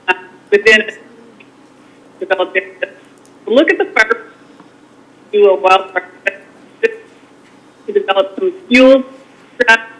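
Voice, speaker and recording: A woman consultant giving a remote presentation in a halting way, her cell phone audio breaking up and cutting in and out. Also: medium pitch, fairly bright tone. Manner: halting, many restarts and fillers. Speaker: wildfire consultant presenting to a council. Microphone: cell phone on a remote call. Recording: broken-up cell phone line.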